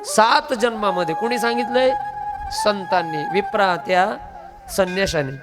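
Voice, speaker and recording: A man's voice: high voice, moderate pace, loud music behind the voice. A man preaching a devotional story sermon to a live gathering. He speaks emphatically, quizzes the audience and asks them to answer aloud. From Beed, Maharashtra. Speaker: Bhagavat katha preacher. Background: musical instrument accompaniment.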